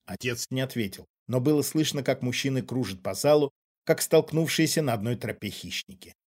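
A man reading a first-person story as an audiobook narrator in a steady, even manner. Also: medium pitch, brisk. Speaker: audiobook reader.

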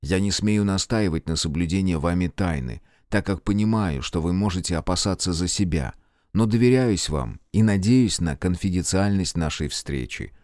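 A man voicing a courteous, demonic gentleman who speaks slowly and solemnly in an audiobook. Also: deep voice, no echo, clean studio sound, voice pushed down. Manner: slow and solemn. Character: suave demonic male seducer, courteous and solemn.

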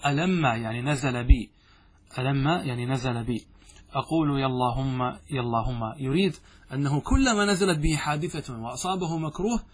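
Husky-voiced man teaching Arabic grammar. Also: mid-range voice. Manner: asks the class questions and answers them himself; slows down to chant verses and examples. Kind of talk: classroom lecture explaining a grammar text.

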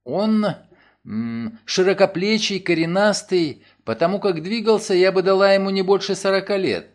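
A man's voice: high-pitched, moderate pace, voice pushed up, lightly acted. A man voicing an anxious young woman who was robbed, speaking in a raised, breathless and pleading way in an audiobook. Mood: agitated.

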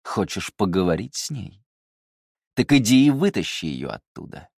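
A man's voice: deep voice, moderate pace, no echo, studio quality. A man reading the lines of a haughty, scheming woman and mother, speaking in a cold, clipped way with barely held rage. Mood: furious.

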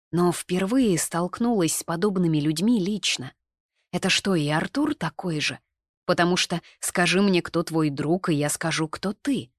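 A woman reads a first-person story aloud in a calm, measured way. Her voice sits fairly low. The recording is dry and close, with no room sound. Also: dry recording. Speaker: narrator. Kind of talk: audiobook narration in first person.

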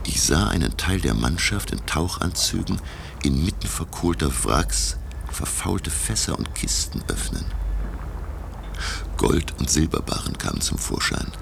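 Thoughtful professor, rumbling bass, creaky, measured radio play narration, ambient noise. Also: male voice, lively intonation, heavily acted. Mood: pensive, wondering. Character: reflective, learned male professor recounting his undersea voyage. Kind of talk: literary first-person narration in German radio drama.

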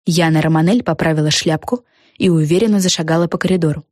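A woman reading a children's storybook aloud with an expressive, even delivery. Her voice sits a little low and sounds dry and close to the mic. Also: quick pace, no echo. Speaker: audiobook narrator. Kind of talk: storybook narration.

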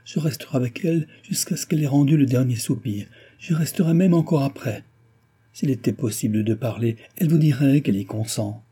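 A man's voice: medium pitch, brisk, few pauses, warm tone, breathy edge, close to an everyday voice. A man voicing a distraught young woman who pleads and sobs at a sick friend's bedside. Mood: desperate. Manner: pleading, sobbing, exclamatory.

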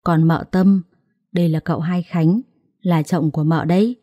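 A woman's voice: lowish voice, steady tone, moderate pace, warm tone, no room sound, dull audio, natural voice. A woman voicing a strict old household nanny in a storybook reading. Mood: dutiful. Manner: stern, proper.

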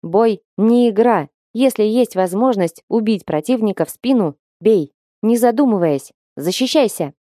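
A woman voicing a sharp sarcastic young girl fighter. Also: mid-range voice, lively intonation, measured pace, dry recording, studio quality, close to an everyday voice. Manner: snappish, mocking.

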